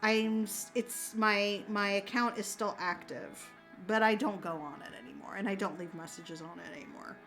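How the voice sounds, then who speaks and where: A middle-aged woman chatting casually as she works on a craft, candid and quick to swear, laughing often and correcting herself mid-sentence. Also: mid-range voice, music in the background. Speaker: crafter chatting while working. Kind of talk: casual chat.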